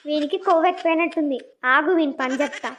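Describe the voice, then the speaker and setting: Cartoon granny voiced by a performer, shrill, nags fast. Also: a little hiss or hum. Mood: angry. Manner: scolding, fast, flat sing-song. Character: scolding grandmother, mother of the household. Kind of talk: cartoon voice acting.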